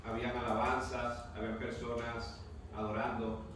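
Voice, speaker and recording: A man's voice: medium pitch, completely flat delivery, normal speed, fairly bright tone. A man in a church congregation giving short answers to the pastor's questions. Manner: short replies. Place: church hall. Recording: echoey hall, distant from mic, faint noise.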